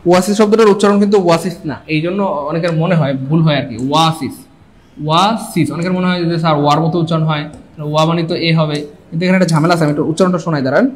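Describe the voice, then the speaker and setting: A male English grammar teacher runs a live online class, talking very fast in a voice on the high side. He's animated and joking, and keeps urging viewers to comment.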